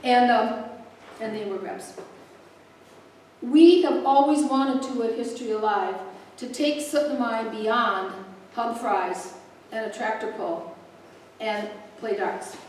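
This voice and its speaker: A woman's voice: fairly high pitch, slow, long pauses, a little mellow, slight background noise. Chatty woman host in an echoey hall. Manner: chatty, joking, with asides and laughs. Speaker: host introducing a speaker. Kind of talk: casual welcome speech to a live audience. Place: community event hall. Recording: echoey room picked up from a distance.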